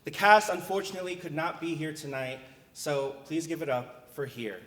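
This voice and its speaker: A man, an artistic director, reading a prepared introduction at a theater awards night in a measured way. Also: fairly high pitch, heavy background noise. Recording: echoey theater hall.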